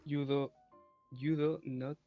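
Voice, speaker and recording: Guy, gravelly flat voice, slow, stumbles and repeats words. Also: fairly high pitch, phone-quality sound, soft background music. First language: Spanish. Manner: hesitant, repeats words, careful phrasing. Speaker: chat partner. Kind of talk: halting casual chat in a second language.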